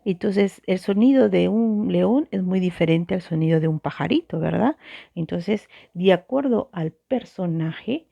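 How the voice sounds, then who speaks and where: Mellow, gravelly-voiced woman teacher. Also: lowish voice, measured pace. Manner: explanatory, checks in often with tag questions. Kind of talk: online class lesson on storytelling. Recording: dull lo-fi recording.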